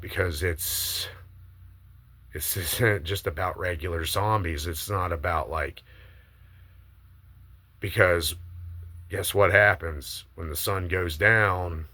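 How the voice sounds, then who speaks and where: Eager, very deep-voiced man pitching a movie. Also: sharp tone, no room sound. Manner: eager, emphatic pitching with casual swearing. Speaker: video host pitching a movie idea. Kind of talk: casual opinionated monologue.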